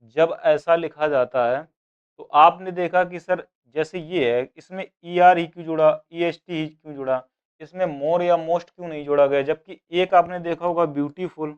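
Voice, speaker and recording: Quizzing male teacher, smooth voice. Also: a little high, fairly even intonation, moderate pace, dull audio. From India. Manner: asks questions and repeats answers, voices students' doubts. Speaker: exam coaching teacher. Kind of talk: online grammar lesson.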